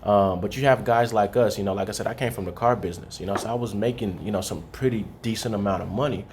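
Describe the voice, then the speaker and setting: A man's voice: lowish voice, quick pace, noisy background. A young man from Haiti, a guest on a radio interview, talking earnestly and casually, always asking "you know what I'm saying". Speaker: guest, credit repair consultant.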